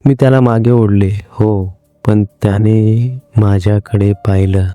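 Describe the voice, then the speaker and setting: A man's voice: fairly low pitch, fairly even intonation, unhurried, warm tone, dry recording, faint music behind, lightly acted. A man voicing a distraught village mother whose son has vanished, speaking tearfully. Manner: pleading, tearful.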